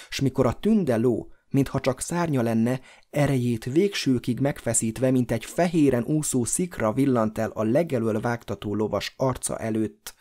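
Male audiobook narrator, mid-pitched voice, measured and dramatic reading. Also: mellow. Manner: measured, dramatic storytelling delivery. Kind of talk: scripted narration.

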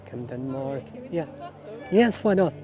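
A middle-aged vlogger and walking tour guide strolls through a busy outdoor street market, his mid-range voice unhurried and lively in intonation. He's casual and enthusiastic, often exclaiming and repeating phrases, while crowd chatter and background music fill the recording.

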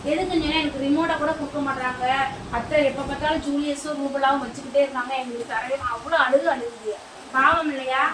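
A woman's voice: sits high, fairly even intonation, quick pace, lightly acted. A woman playing a strict scolding aunt. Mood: lecturing. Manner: scolding, questioning, lecturing. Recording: echoey room, far from mic, noisy.

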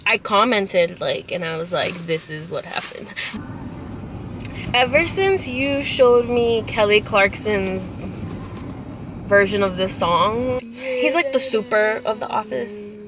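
In a rough recording over music, a young woman with a medium-pitched voice and lively intonation talks slowly. She's a guest chatting casually in a parked car at night, caught on a dashboard camera, rambling through stories full of "like" with car noise behind.

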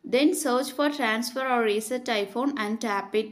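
A woman with a fairly high voice reads a scripted tutorial narration, taking it step by step in a measured, instructional manner.

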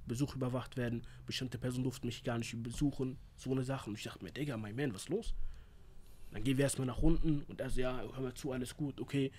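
A young man with telling a real-life story in a casual, animated way, acting out the lines of the people in it. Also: medium pitch, fast talker, husky. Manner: slangy, animated, acts out quoted lines.

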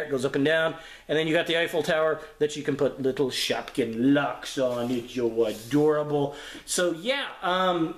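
A man hosting a casual toy review video, talking in a relaxed, rambling way with lots of fillers. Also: medium pitch. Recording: echoey room.

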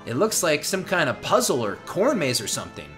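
A youthful, fairly high male voice plays a reluctant teenage hero. He is wry, casual and skeptical in video game style, with music behind him. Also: huge pitch swings, fairly quick, a bit bright. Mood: wary, grumbling.

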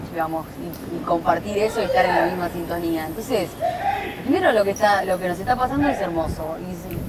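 A young woman in her twenties speaks Argentine Spanish in a medium-pitched voice, chatting casually as a guest while seated at a table on an outdoor terrace. Her talk is full of fillers and restarts, and the lapel-mic recording is rough.

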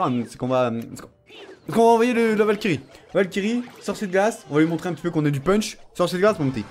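A young man giving casual gameplay commentary, excitable and playfully trash-talking, laughing often. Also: high voice, a little hiss or hum. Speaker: gaming channel host.

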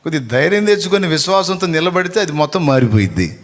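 A man preaching a sermon as pastor, fiery and exhorting, swinging between loud calls and hushed asides. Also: on the high side, expressive, quick pace. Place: church. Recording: long reverb of a church hall.

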